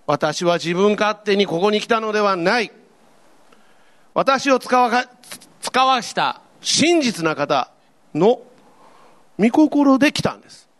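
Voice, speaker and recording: A man playing Jesus in a church skit, speaking slowly and solemnly. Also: high-pitched, lively intonation, fairly bright tone, exaggerated voice. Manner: solemn, slow declaring speech. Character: Jesus, a calm grown male teacher.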